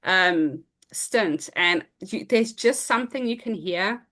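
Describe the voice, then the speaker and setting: A woman's voice: medium pitch, lively intonation, slow, pushed and bright. A woman with a South African accent, talking as a host in casual conversation. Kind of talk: casual chat.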